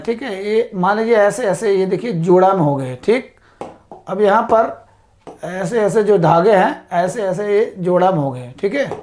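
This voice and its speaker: A woman's voice: mid-range voice, a little mellow. A woman teacher explaining biology terms to students, repeating key words and checking in after each point. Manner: repeats "ठीक है" to check understanding, drills terms slowly; addresses students as "साथियों". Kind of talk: whiteboard lecture.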